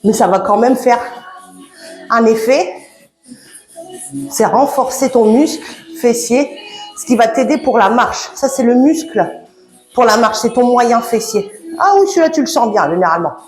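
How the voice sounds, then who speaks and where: A woman's voice: on the high side, lively intonation, normal speed, pauses often, a little mellow. A woman coaching a home workout, chatty and encouraging, laughing often and slightly out of breath. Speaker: fitness coach. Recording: echoey room with background music.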